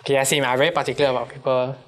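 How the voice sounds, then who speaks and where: A Singaporean man in his twenties chats informally in Singlish. His voice sits at a middle pitch, and he uses short colloquial phrases ending in local particles. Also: steady tone, rapid-fire. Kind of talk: casual chat among friends.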